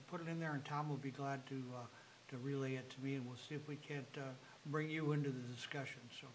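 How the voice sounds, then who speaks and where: Rambling, bright-voiced male talk show host. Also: a little high, slight background noise, low-quality recording. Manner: friendly, rambling, halting speech. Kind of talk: casual talk show interview.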